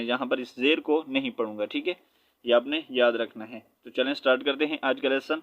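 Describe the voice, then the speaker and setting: Patient male Quran teacher, slow chanting. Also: mid-range voice, no echo, highs cut off. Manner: patient, checks in with "okay?" after each point; slow drawn-out chanting of verses. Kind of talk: spelled-out recitation lesson.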